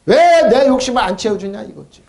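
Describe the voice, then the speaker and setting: A man preaching a sermon as a pastor. He talks in an animated way, asks rhetorical questions, mocks the complaints of believers, and calls for amens. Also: sits high, brisk, gravelly. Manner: calls for amen responses.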